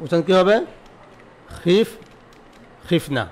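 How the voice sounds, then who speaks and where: A man teaching an online Arabic grammar lesson, asking his own questions and answering them, repeating word forms slowly. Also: sits high, lively intonation.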